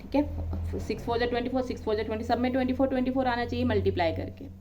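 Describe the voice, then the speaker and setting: Brief: woman maths tutor, fairly high voice, steady counting-through-the-board delivery, slightly lo-fi with a faint hum. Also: rapid-fire. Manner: counts items aloud one by one, checks in often. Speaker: maths teacher. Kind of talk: explaining a classroom lesson.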